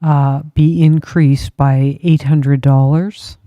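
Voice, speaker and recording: Slow-spoken woman councillor. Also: sits low, steady tone, mellow, dry recording, muffled recording. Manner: measured, tabling motions. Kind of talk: council debate.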